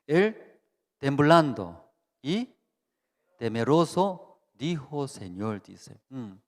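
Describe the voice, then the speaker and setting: Male pastor, slow delivery, lively rising and falling pitch, keeps asking the congregation to confirm, long church reverb. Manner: halting, repetitive, with constant checking questions to the congregation. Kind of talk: Bible seminar sermon. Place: church hall.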